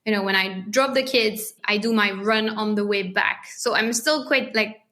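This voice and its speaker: A woman's voice: mid-range voice, normal speed, pushed and bright. A woman in her thirties with a French accent, a podcast guest talking casually and thoughtfully, often restarting her phrases. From France. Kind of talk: casual interview talk.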